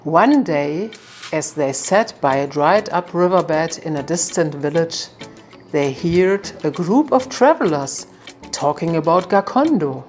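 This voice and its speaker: A woman tells a folktale in a calm, measured way, her voice sitting low and unhurried. Soft music plays faintly beneath her narration. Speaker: storyteller.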